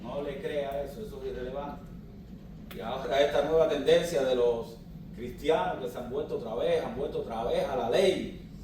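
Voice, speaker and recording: A man's voice: mid-range voice, normal speed, darkish tone, a little hiss or hum. A man preaching a teaching sermon as pastor, explaining patiently and asking his congregation questions. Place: church hall. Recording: echoey hall, mic at a distance.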